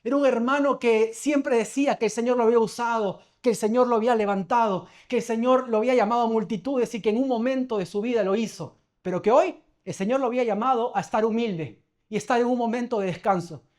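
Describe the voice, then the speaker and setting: A man's voice: very high-pitched, fast, darkish tone. A man preaching a sermon as pastor, talking conversationally, telling stories and asking the congregation questions.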